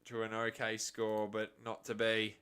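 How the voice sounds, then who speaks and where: A man with an Australian accent giving a live cricket reaction commentary, shifting between excited calls and chatty asides. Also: lowish voice, a little slow, clear, resonant tone.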